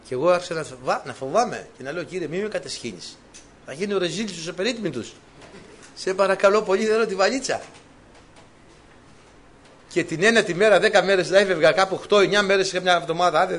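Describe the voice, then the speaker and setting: A man from Greece preaching a sermon, telling personal stories with lively, animated delivery. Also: on the high side. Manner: lively, animated storytelling, laughs at own stories.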